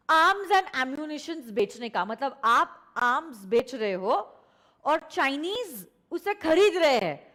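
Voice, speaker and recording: A woman's voice: sits high, fairly bright tone. An Indian woman teaching law in a live online lecture. She mixes Hindi and English, repeats key phrases for emphasis, and puts questions to her students. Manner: addresses students directly, asks them questions.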